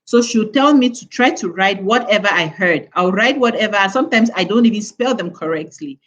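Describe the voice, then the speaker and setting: A woman's voice: medium pitch, animated, fairly quick, a bit bright. A woman from West Africa giving an earnest motivational talk to mothers on a live stream, full of rhetorical questions. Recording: dull, lo-fi sound.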